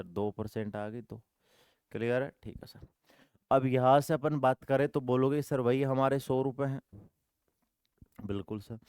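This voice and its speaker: A man's voice: mid-range voice, darkish tone, clear, resonant tone, no room sound, clean studio sound. A male maths teacher running an online coaching class, repeating each step and answering his own questions, calling students "dear brother".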